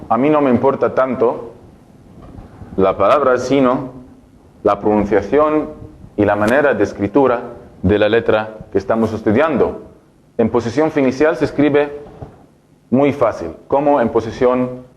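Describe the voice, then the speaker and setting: Male Arabic teacher, native Arabic speaker, slow and methodical, mid-pitched, on a dull lo-fi recording. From Egypt. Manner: patient, repeats words slowly for drilling. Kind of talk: language lesson.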